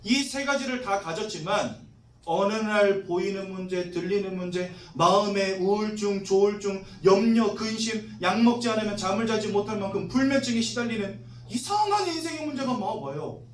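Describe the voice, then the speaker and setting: A man's voice: high voice, moderate pace, roomy sound, distant mic, a little hiss or hum. A man in his forties, a pastor preaching to new members in a conversational way, asking the congregation questions and joking. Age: 40s. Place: church hall.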